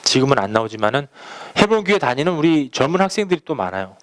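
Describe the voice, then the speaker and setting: Korean pastor telling a story from the pulpit. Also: male voice, medium pitch, big pitch swings, fast, a bit bright, slight background noise. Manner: conversational storytelling, acts out quoted phone calls. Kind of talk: sermon with personal anecdotes.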